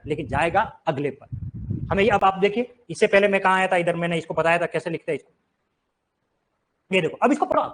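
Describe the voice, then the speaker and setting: A man with a strikingly high voice teaches to a class. He keeps firing rhetorical questions and drilling his students to read each word aloud. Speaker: Hindi teacher. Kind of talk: classroom lesson.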